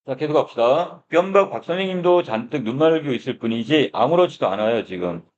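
A man's voice: mid-range voice, lively intonation, fast. A male teacher reading a story aloud and explaining its phrases, asking his class questions as he goes. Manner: explanatory, asks the class questions, begins lines with "자". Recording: dull lo-fi recording.

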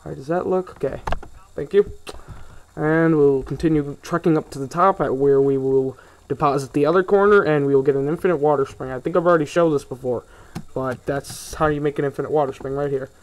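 A young man with a slightly high voice talks through his gameplay in a loose, rambling way. He wanders off topic and grumbles about small annoyances as he builds. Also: a little fast. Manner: rambling, easily sidetracked, grumbling asides. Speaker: gaming video host. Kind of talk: casual let's play commentary.

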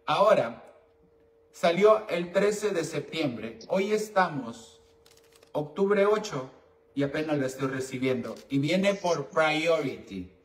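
A man with a Mexican accent and a slightly high, animated voice takes his time as he hosts a call-in advice show. An esoteric advisor, he banters in a brash, teasing, campy, bawdy style, picked up by a distant mic with roomy echo and faint noise.

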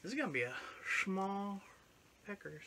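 A young man with a high, sing-song voice hosts a casual show-and-tell of his flea market finds for his channel, speaking offhandedly at a moderate pace and swearing now and then. He sits in a living room with record shelves and a couch, recorded by a fixed camera at couch distance, with some background noise.

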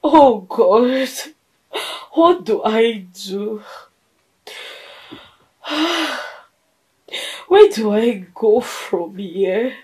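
A woman's voice: a little high, animated, extremely slow, mellow. An actress with a Nigerian accent playing a desperate woman praying aloud and sighing. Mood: despairing. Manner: sighing, despairing prayers. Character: desperate woman facing rent and hunger.

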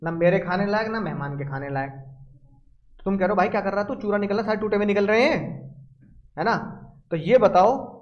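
A man with an Indian accent teaches law in a high, bright-toned voice. He talks in a loose, joking way and keeps tossing questions back at the class. The recording sounds a little dull and muffled. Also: fairly quick, pauses often. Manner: conversational, playful, asks students questions often. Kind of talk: classroom lecture. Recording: slightly dull lecture recording.

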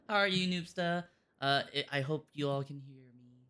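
A woman chatting casually on a game livestream in a giggly, easily excited manner. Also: low-pitched, measured pace, clear, resonant tone. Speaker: livestreamer playing a shooter game.

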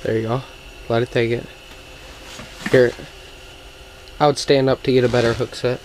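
A man's voice: mid-range voice, level tone, normal speed, darkish tone, slight background noise. A young man hosting a casual fishing vlog, upbeat and coaching his cousin with short repeated cheers, recorded on an action camera inside a small ice shelter. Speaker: outdoors channel host.

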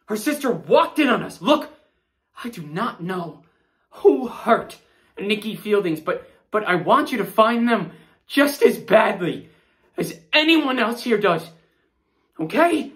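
A man in his thirties playing an earnest, rattled young delivery driver under interrogation, pleading and halting in a naturalistic screen-drama style. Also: mid-range voice, expressive, fairly bright tone, lightly acted. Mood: agitated, pleading. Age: 30s. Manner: pleading, halting, repeats words. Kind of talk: naturalistic screen acting, audition read. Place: small indoor studio against a backdrop.

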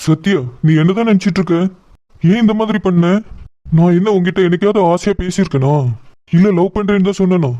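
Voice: mid-range voice, fairly quick, dark tone, dull audio, close to an everyday voice. A voice actor playing a young married husband in a cartoon, reasoning and pleading with a suspicious wife, with a little sarcasm. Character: patient married young husband defending himself. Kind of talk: cartoon voice acting.

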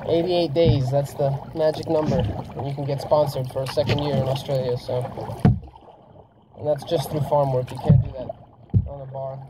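A man in his twenties vlogging from a kayak, thinking aloud in a loose, unhurried ramble while he paddles. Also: medium pitch, flat delivery. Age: 20s. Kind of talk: rambling outdoor vlog monologue. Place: kayak on open water, outdoors. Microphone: phone camera mounted on the kayak. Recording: loud wind and water noise.

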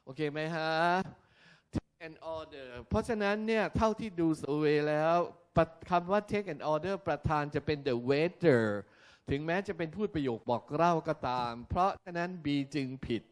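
A man teaching a class, explaining slowly and often checking that his students are keeping up. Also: on the high side, clear, resonant tone. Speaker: English teacher. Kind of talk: classroom lesson.

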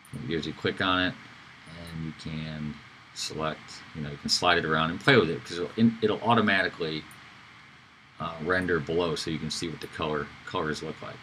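A man giving a casual screen-recorded software tutorial, talking loosely with fillers and self-corrections. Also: low voice, slight background noise, rough recording. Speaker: instructor.

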